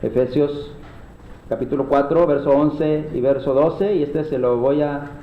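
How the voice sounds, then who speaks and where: A man's voice: fairly high pitch, steady tone, measured pace. A man with a Mexican Spanish accent preaches earnestly to a church class, often calling on his brothers. His voice rings through a reverberant room. The recording is muffled, with a faint hiss behind it. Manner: earnest, repeatedly addresses listeners as brothers. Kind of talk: sermon-style Bible class. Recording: echoey room, dull lo-fi sound.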